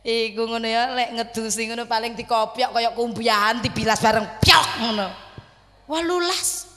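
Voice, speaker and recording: A woman preacher with an East Javanese accent from Surabaya, giving an expressive religious lecture to women, telling stories and slipping into Javanese with frequent exclamations. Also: on the high side, normal speed, long reverb tail. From Surabaya, East Java.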